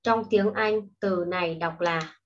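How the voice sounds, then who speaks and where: A woman teaching a primary school English lesson online, explaining patiently and slowly to children. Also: fairly low pitch. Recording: dull lo-fi recording.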